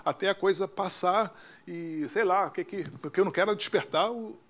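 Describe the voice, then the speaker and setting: A man with a Brazilian Portuguese accent, a pastor telling his own story in a sermon, dropping to hushed tones for quoted voices. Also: sits high, normal speed. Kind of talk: sermon testimony.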